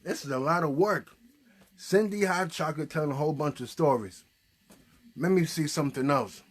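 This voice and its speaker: A puppeteer hosts an improvised puppet show, nudging the story forward with conversational questions. His voice is on the high side, and he talks at a normal speed.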